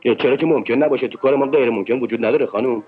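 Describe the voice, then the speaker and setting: Actor as a joking bank manager, mid-pitched, tinny old film audio with music. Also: male voice, natural voice. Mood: playful. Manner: teasing, joking, flirtatious.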